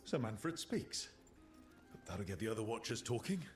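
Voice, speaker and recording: An actor playing a calm, observant adult male adventurer in a video game, with an understated, matter-of-fact delivery. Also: on the low side, normal speed, soft background music. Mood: wry.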